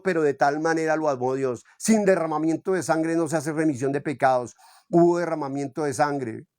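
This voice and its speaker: A man's voice: a little high, a little mellow, dry recording, studio quality. A man preaching in a Bible study, fervent and full of rhetorical questions. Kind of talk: impassioned sermon.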